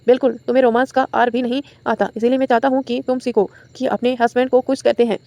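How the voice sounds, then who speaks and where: A woman's voice: on the high side, little pitch movement, fast talker, gravelly, mellow, no echo. A woman voicing a playful, possessive young husband in a romantic audio story, coaxing and teasing.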